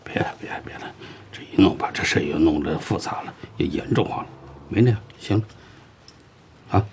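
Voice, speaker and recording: A weary elderly father brushes off an apology in a very low, gravelly voice, with clear noise behind him. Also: fast. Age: older. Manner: low, tired, dismissive. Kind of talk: TV drama acting.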